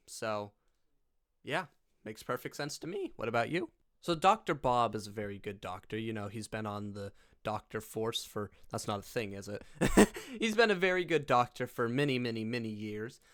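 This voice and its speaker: A man's voice: medium pitch, fairly bright tone, clean tone. A man hosting a casual reaction vlog, talking in a goofy, rambling way. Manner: goofy and rambling, laughs often. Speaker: YouTuber.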